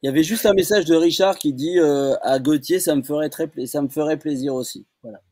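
A man's voice: on the high side, fairly quick, a little mellow, dry recording. A man co-hosting a live stream, joking playfully with the guests. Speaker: co-host. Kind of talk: casual live chat.

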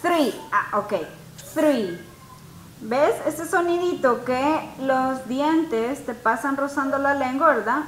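A woman's voice: high-pitched, slow, hardly any pauses, roomy sound, slight background noise, low-quality recording. A woman teaching English in an online class, patiently asking students questions and mixing with English. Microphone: video call.

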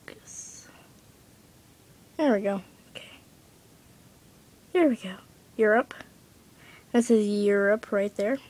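A female speaker in a casual webcam vlog at home, chatty and excitable, filling her talk with "like". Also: medium pitch, measured pace, pauses often. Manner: chatty, many "like" fillers, excitable.

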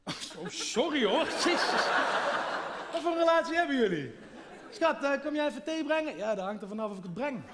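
A man doing stand-up, teasing and quizzing his audience in a deadpan way on a theater stage. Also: very high-pitched, a little fast, background noise. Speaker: stand-up comedian. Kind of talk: stand-up crowd work. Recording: live hall with long reverb, crowd laughter.

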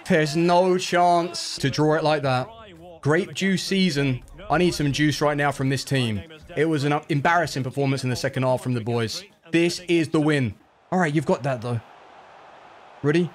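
A gaming YouTuber commentates live on his own football video game match at a moderate pace. He's excitable, swinging from low groans to loud yelps.

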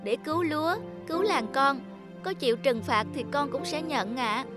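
A woman's voice: high-pitched, expressive, moderate pace. A woman voicing a brave, polite young village girl in a cartoon, talking earnestly over children's music. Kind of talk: cartoon voice acting.

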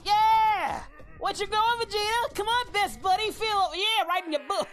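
A woman playing Goku as the host of a reaction video, excitable and quick to shout and laugh. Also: very high-pitched. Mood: hyped. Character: Goku, cheerful young male alien fighter. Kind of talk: reaction commentary.

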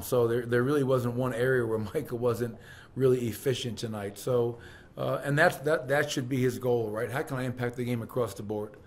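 At a post-game press conference, a middle-aged basketball head coach sits at a table in the team press room and fields reporters' questions. He speaks candidly in a medium-pitched voice, with frequent fillers and restarts, into a desk microphone on a stand.

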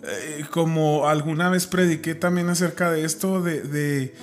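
A man with a somewhat high voice talks through a Bible story in a relaxed way. He stumbles and repeats words as he thinks aloud. A faint guitar plays under him. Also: unhurried. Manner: retells scripture with many fillers and restarts. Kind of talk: casual Bible discussion.

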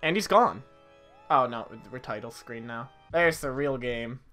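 A woman doing let's play commentary on a video game, giggling often, swearing and reacting loudly. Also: very deep voice, unhurried, soft background music. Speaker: game streamer.

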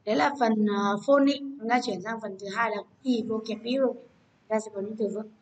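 A woman's voice: fairly high pitch, fairly even intonation, brisk, rough recording. A woman teaching an English lesson to children, explaining patiently and prompting her students.

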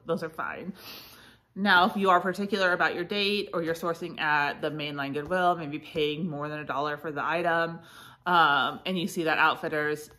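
A woman in her thirties talks through her thrift haul in a casual, chatty way, full of fillers and quick asides. Her voice sits a little low, and she sounds stuffy and sniffly from congestion. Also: pushed and bright. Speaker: reseller vlogger.

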